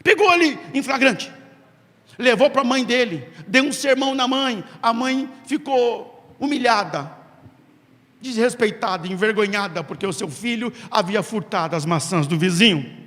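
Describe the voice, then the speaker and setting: A man delivers a sermon in a very high voice, telling a story with dramatic pauses and acting out the lines of each character. His voice carries a long reverb from a large hall. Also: animated, pushed and bright. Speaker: preacher.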